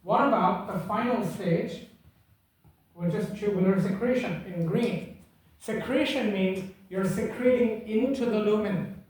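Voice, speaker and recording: A man's voice: sits high, unhurried, darkish tone. A man lecturing a class in an emphatic, teasing way, repeating key points and checking that students follow. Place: lecture room. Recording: echoey room from far off.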